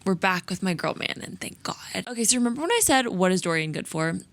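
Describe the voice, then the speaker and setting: A woman book vlogger who chats casually and reads aloud, reacting excitedly as she goes. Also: mid-range voice, fairly quick. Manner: chatty, reacting excitedly to books. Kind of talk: casual chat and reading aloud in a book vlog.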